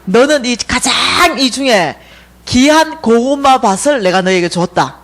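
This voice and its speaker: Three solemn heavenly messengers from a dream hand down slow, drawn-out commands, as a woman speaker puts them on. Their pronouncements sound weighty and stern, and the pitch rises and falls widely. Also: expressive.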